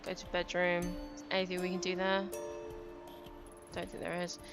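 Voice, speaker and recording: A woman's voice: fairly low pitch, monotone, moderate pace. A woman playing a story game and chatting casually in self-deprecating asides. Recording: game music behind.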